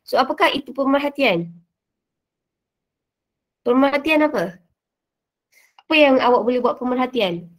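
A woman's voice: high voice, animated, normal speed, pauses often. A woman teacher with a Malaysian Malay accent, giving a casual revision lesson with many fillers and English words mixed in.

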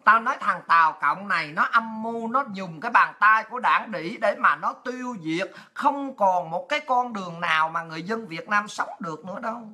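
A woman's voice: medium pitch, animated, a little fast, hardly any pauses, pushed and bright. A woman, delivering a blunt, scolding political monologue full of exclamations and coarse slang. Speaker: political commentary host. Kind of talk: impassioned monologue.

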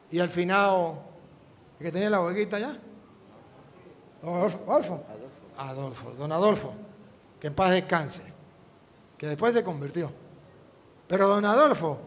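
Priest preaching in an echoing hall. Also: male voice, sits high, normal speed, long pauses, slight background noise. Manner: animated storyteller acting out dialogue. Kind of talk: sermon with storytelling.

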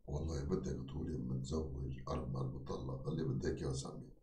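Deep-voiced middle-aged man, teasing pranker. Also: steady tone, mellow, far from the mic, a little hiss or hum. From Kurdistan. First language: Kurdish. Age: 40s. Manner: teasing, rapid-fire questioning. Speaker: prank video-chat host. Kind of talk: joking chat with strangers. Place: small indoor room with bare walls. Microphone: webcam at desk distance. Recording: echoey room, voice off mic.

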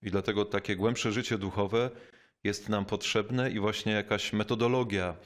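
A man, a bishop, giving a reflective spiritual talk, thoughtful and unhurried, with frequent pauses and fillers, slowing down to stress key words. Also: fairly low pitch, fairly even intonation. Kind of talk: reflective spoken teaching.

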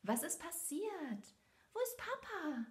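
Storybook heroine, worried and brave , voiced by a woman; high, urgent pleas. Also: sing-song, moderate pace, fairly bright tone, heavily acted. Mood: pleading. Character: brave, worried young woman looking for her father.

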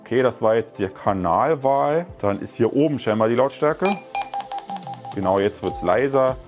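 Indoors in his living room, a man in his thirties reviews gadgets in a mid-range voice with lively intonation and a moderate pace. He's a tech reviewer who explains casually and chattily, using many fillers, with faint music behind him.

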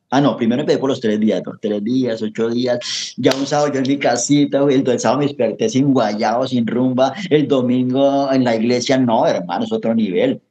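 A man's voice: mid-range voice, a little mellow. Colombian man, middle-aged, earnest and preachy, interview guest, slightly dull audio. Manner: earnest, preachy, calls the host papi and hermano. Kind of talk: emotional testimony in casual chat.

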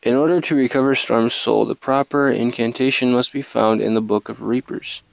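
A man's voice: mid-range voice, steady tone, normal speed, gravelly, dry recording, lightly acted. A man reading the lines of a regal male king in a game, plainly and in his own voice, without an accent. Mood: solemn. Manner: reads plainly, no accent attempted.

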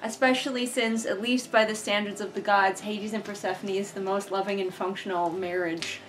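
A young woman vlogger sits on her living room couch indoors, a little way from the camera, giving casual read-along commentary on a book. She's sarcastic, exasperated, and mildly sweary, with a mid-range, steady voice at a moderate pace, and the recording is rough.

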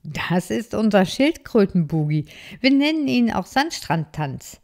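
A woman's voice: mid-range voice, sing-song, unhurried, a little mellow. Woman voicing a friendly beach turtle. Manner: friendly, encouraging. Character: friendly cheerful female turtle, dance teacher.

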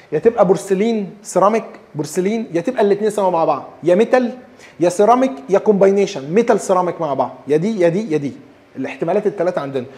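A man with an Egyptian Arabic accent giving a lively dental lecture, acting out patients' questions and mixing in English terms. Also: sits high. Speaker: dentistry lecturer.

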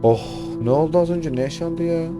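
A man's voice: fairly high pitch, fairly quick. Crude man playing a horror game. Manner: crude, swearing, jokey reactions. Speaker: gamer. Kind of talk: horror game let's play commentary. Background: game music.

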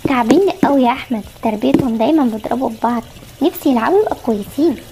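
A woman's voice: on the high side, animated, very fast, noisy background. A woman voicing a fretful Egyptian mother. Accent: Egyptian Arabic. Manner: fretful, scolding and soothing by turns. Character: worried young mother of twin girls. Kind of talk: amateur voiced game story.

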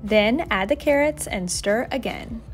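Speaking a little slowly in a fairly high, animated voice, a young woman narrates her home cooking video. She's a chatty, self-deprecating vlogger working in her own kitchen over soft background music.

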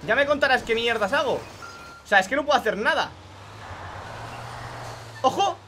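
A man's voice: very high-pitched, fast, bright, forceful tone, a little hiss or hum. A young man with a Spain Spanish accent, commenting live on his gameplay for viewers, exasperated and swearing often. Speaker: gaming youtuber.

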